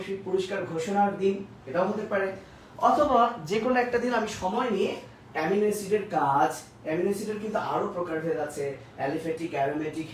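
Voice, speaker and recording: A man teaching a live online biology class, chanting lists of terms in a steady rhythm to drill them into memory. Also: sits high. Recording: echoey room, distant mic, faint noise.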